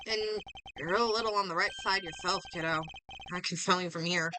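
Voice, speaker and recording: A woman voicing a gruff, blunt male detective who teases a young man. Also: on the low side, a little fast, noisy background, pitched below the performer's own voice, natural voice. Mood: teasing. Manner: teasing, blunt.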